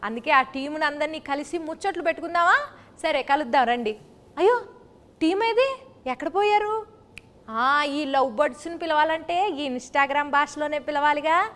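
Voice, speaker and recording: A woman's voice: high-pitched, moderate pace, a bit bright. A woman host speaking in a Srikakulam Telugu dialect, chatty and teasing as she interviews her guests. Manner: chatty and teasing, with folksy slang. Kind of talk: playful talk-show interviewing.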